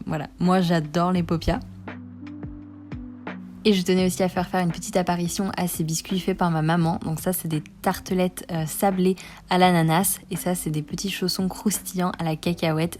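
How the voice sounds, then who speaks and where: A woman's voice: lowish voice, darkish tone. A young woman narrating a casual food vlog, gushing with enthusiasm about each dish. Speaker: food vlogger.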